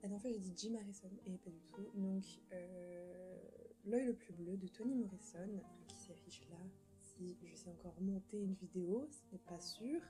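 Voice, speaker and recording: A woman's voice: mid-range voice, moderate pace, music in the background, poor audio. A young woman chatting casually about books she plans to read, rambling and joking at herself, with many fillers and restarts. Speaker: book vlogger. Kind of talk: casual chat.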